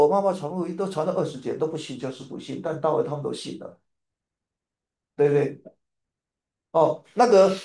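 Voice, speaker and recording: A man from Taiwan preaching a sermon, telling a family story in an animated way and repeating his phrases. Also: a little high, echoey room.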